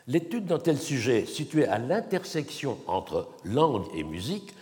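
Lively-voiced male lecturer in a reverberant hall. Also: on the low side. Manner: measured, explanatory, demonstrates tones by voice. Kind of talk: academic lecture at a symposium.

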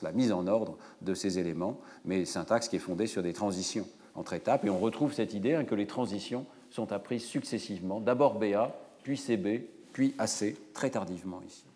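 A man delivers a university lecture in a fairly low voice, working step by step through each point with frequent pauses and hesitations. His voice carries the long reverb of a large lecture hall. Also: dark tone. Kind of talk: academic lecture.

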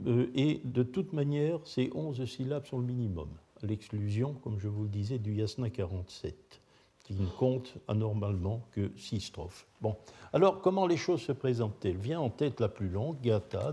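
A man's voice: medium pitch, mellow, breathy edge. Hesitant older man giving a lecture. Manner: hesitant, many filler sounds. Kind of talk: academic lecture.

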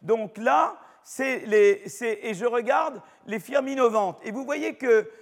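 In a lecture hall, an elderly French-accented professor with a rather high, gravelly voice gives a university lecture at a slow pace. His delivery is casual and conversational, full of fillers and restarted sentences, and a long reverb lingers after each phrase.

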